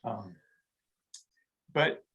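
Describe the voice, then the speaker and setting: A middle-aged man, a guest in an interview, talking reflectively with frequent pauses, fillers and restarts. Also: fairly bright tone, dull audio. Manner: halting, thoughtful, many restarts and fillers. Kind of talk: reflective conversation.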